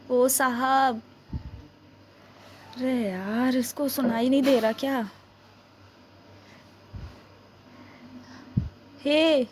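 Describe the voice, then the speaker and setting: A woman's voice: fairly high pitch, a little mellow. A woman playing a stranded, defiant young woman. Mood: calling out. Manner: grumbling to herself, then pleading with stammering restarts. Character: young woman stranded behind enemy lines, anxious and defiant. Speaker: ASMR roleplay performer. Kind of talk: ASMR role-play.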